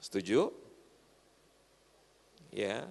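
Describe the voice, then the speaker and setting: A man's voice: on the low side, big pitch swings, drawn-out words, gravelly, darkish tone. Joking male preacher in a reverberant church. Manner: joking, often asks the crowd to agree. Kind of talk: humorous sermon to a congregation. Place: church hall. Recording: long church hall reverb.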